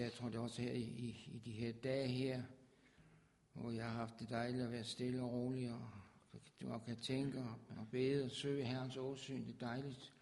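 A man preaching a sermon with fervor, his voice swelling loud on scripture. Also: mid-range voice.

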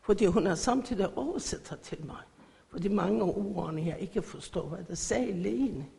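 A middle-aged woman from Iran, giving an emotional church faith testimony in halting phrasing. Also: medium pitch, animated, gravelly, warm tone. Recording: echoey hall.

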